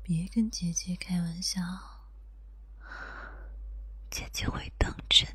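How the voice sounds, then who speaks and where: A romantic, possessive older-sister girlfriend, acted by a woman in a whispered role-play. She teases and dotes in a very breathy whisper, drawing her phrases out slowly. The sound is intimate and dry, very close to the microphone. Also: lowish voice, fairly even intonation, a bit bright, no room sound, full character voice. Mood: teasing, possessive.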